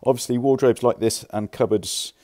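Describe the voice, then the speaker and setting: A man's voice: medium pitch, fairly even intonation, normal speed, dark tone. A man casually showing pieces of furniture in a warehouse, chatty and informal, sometimes correcting himself, filmed on a handheld phone. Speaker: furniture dealer. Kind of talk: casual walkthrough of stock. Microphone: handheld phone camera.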